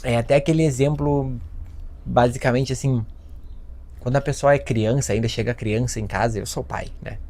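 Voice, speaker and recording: A Brazilian man giving a self-help talk, animated, acting out parents and children in his stories. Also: mid-range voice, moderate pace. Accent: Brazilian Portuguese. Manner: lively storyteller, acts out voices of children and parents. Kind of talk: lecture with acted anecdotes.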